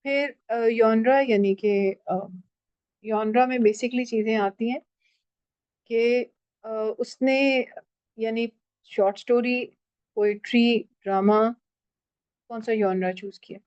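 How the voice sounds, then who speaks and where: A woman's voice: a little high, fairly even intonation, slow pace, pauses often, a little mellow, no echo, muffled recording. A woman teaching a writing class, explaining step by step and often checking in with her students. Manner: switches often into English phrases. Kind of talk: online class lecture.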